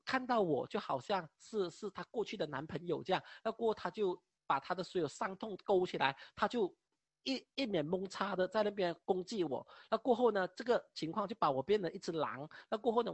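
A woman preacher telling a testimony in her sermon, animated, often laughing and mock-wailing as she tells it. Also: medium pitch, breathy edge, dry recording.

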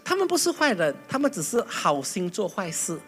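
A pastor giving a lively sermon full of acted stories, breaking into loud bursts. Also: mid-range voice, fairly quick. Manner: animated, loud bursts, mimics chanting.

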